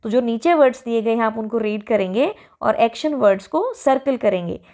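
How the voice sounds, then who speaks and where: A woman teacher with an Indian English accent, explaining a school textbook lesson and reading example sentences slowly and clearly. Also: a little high, lively intonation, warm tone.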